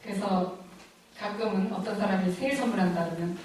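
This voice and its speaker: A middle-aged woman giving a personal faith testimony at a church lecture, telling her story in an animated, emotional way and laughing often. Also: medium pitch, a little fast, heavy reverb, far from the mic, slight background noise, rough recording.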